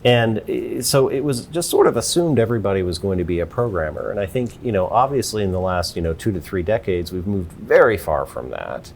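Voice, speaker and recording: A man in his forties with a very low voice talks through his ideas as an interview guest. He explains at length, often restarting his sentences, and a faint rumbling noise sits underneath. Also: lively intonation, a little fast, hardly any pauses. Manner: thoughtful, explanatory, with frequent restarts. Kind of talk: conversational interview.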